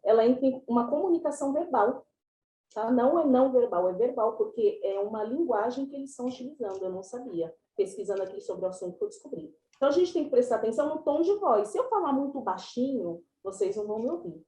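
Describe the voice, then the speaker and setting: A woman's voice: fairly high pitch, lively intonation, fast talker, mellow, echoey room, rough recording. A woman, giving an online class presentation over a video call in a chatty, explanatory way. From São Paulo, Brazil. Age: 30s.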